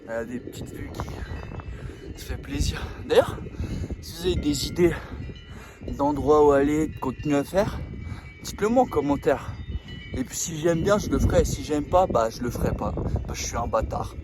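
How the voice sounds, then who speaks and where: A man with a fairly high voice chats casually to his camera as an outdoor vlogger. He jokes and swears freely in slangy speech. The recording is clearly noisy, made out in the open. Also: lively intonation, moderate pace. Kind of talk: casual outdoor vlog chat. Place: outdoors on a mountainside.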